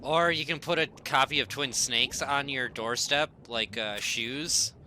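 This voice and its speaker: A man's voice: mid-range voice, measured pace, bright, forceful tone, a little hiss or hum. A man streaming a game with casual, irreverent, sarcastic and sweary live commentary.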